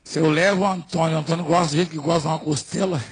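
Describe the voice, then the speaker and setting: A middle-aged man with a Brazilian Portuguese accent preaching a sermon with personal anecdotes, asking the congregation questions and swinging between hushed asides and shouting. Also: on the high side, fairly even intonation, racing, breathy edge. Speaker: pastor.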